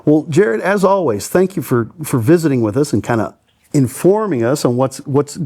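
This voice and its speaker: A man's voice: a little high, expressive, normal speed, warm tone. A man hosting a casual podcast chat, affirming his guest and repeating words as he talks. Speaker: podcast host.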